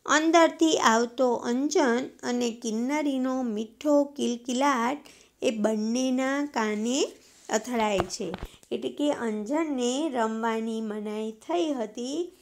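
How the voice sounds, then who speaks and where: Slow-paced woman teacher explaining. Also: fairly high pitch. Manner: slow explaining, restating each point in simpler words. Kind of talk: explaining a textbook lesson.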